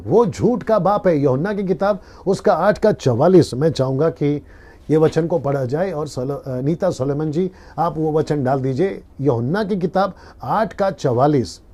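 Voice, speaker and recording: A man's voice: a little high, a little slow, warm tone. A man preaching a live-streamed sermon as pastor, teaching earnestly and repeating key lines.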